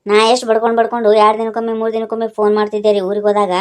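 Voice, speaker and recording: A woman's voice: a little high, little pitch movement, rapid-fire, voice pushed down, natural voice. A woman voicing a chatty young niece in a cartoon who complains about a friend, speaking. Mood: complaining.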